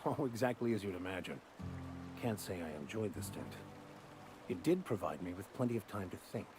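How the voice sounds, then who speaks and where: Remorseful ex-prisoner voiced by a man in a game, earnest and reflective, lowish voice over clear music. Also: expressive, a little fast, close to an everyday voice.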